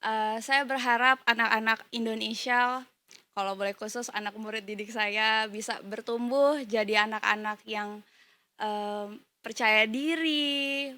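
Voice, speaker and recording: A woman's voice: fairly high pitch, fairly even intonation, a little slow, sharp tone. A woman who teaches primary school, telling a story in a casual interview with many hesitant fillers.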